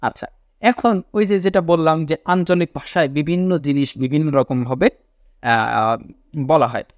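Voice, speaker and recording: A man delivers a patient classroom lecture, his voice a touch higher than most men's. He repeats key words, poses questions and answers them himself, and checks often that his listeners follow. The recording is dry, with no room sound. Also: normal speed, dry recording. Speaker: teacher.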